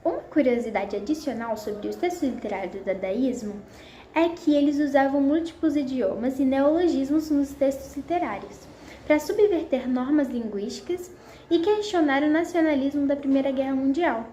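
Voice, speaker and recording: A woman's voice: high-pitched, normal speed, warm tone. A young woman reading a prepared school presentation in a slightly awkward way. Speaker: student presenter. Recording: echoey room, faint noise.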